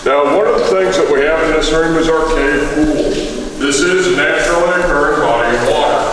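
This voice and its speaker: A man working as a cave tour guide, giving explanatory, instructive commentary to a group with dry humor. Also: on the high side. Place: underground inside a cave. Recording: echoey cave, long reverb, distant mic.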